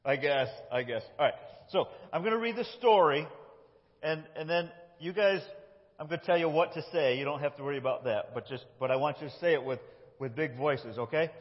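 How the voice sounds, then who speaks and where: A pastor telling a Bible story during a sermon, acting out its lines with animated voices and directing children who act it out. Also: male voice, fairly high pitch, fairly quick. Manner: animated, reads dialogue in lively voices. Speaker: lead pastor. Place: church sanctuary. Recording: muffled, echoey church hall.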